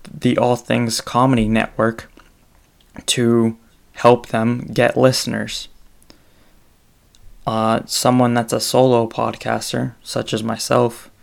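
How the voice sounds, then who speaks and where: A man's voice: mid-range voice, gravelly. A man hosting his own podcast alone, talking in a loose, rambling way with many hesitations. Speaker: solo podcast host. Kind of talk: casual solo podcast monologue.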